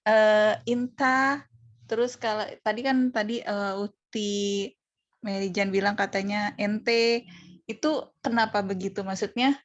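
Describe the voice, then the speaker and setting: A woman's voice: medium pitch, little pitch movement, unhurried, pauses often, lo-fi sound. A woman joining an online class over a video call, asking polite and hesitant questions. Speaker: class participant.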